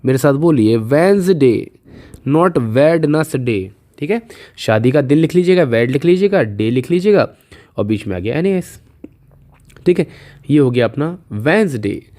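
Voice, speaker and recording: A man teaching English spelling in a casual video lesson, patiently repeating each question and answer and slowing down to spell words out letter by letter. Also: medium pitch, expressive, warm tone. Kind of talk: casual Hindi video lesson with memory tricks.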